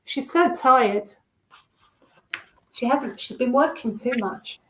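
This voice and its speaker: A woman's voice: sits high, lively intonation, slow pace. A woman reading a children's novel aloud expressively and chatting with young listeners. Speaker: storyteller. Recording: roomy echo.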